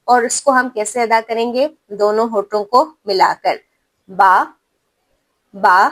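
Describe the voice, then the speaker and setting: Woman, Pakistani accent, slightly high voice, patient teacher who repeats demonstrated sounds slowly and checks in often. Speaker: Quran recitation teacher. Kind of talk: step-by-step tajweed lesson.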